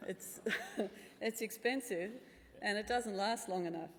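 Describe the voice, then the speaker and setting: In a reverberant hall, a middle-aged woman answers questions as a conference speaker. She is candid and drily humorous, starting some phrases hesitantly, with a medium-pitched voice. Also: a little slow. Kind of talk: answering audience questions after a medical talk. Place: large conference room. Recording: echoey hall with long reverb.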